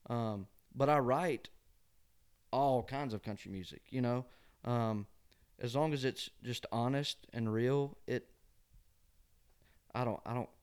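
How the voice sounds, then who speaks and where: A man with a Georgia drawl and a nasal twang talks in a casual interview. His voice is smooth and clear, at an ordinary male pitch. He is folksy and often tags his phrases with "man". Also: takes it slowly, pauses often, a little mellow. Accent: Southern US, Georgia. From Georgia, USA. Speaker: country singer-songwriter guest.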